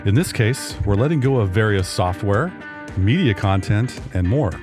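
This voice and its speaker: Sultry baritone man narrating a podcast intro. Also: animated, normal speed, music in the background. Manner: smooth, sultry narrator delivery. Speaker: podcast co-host. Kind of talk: casual chat with mock-dramatic intro narration.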